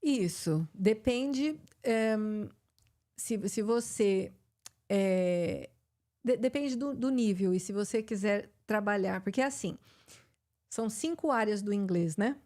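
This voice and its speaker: A woman's voice: mid-range voice, slow pace, mellow. A middle-aged woman with a Brazilian Portuguese accent, an English teacher hosting a live chat and explaining with many fillers and restarts.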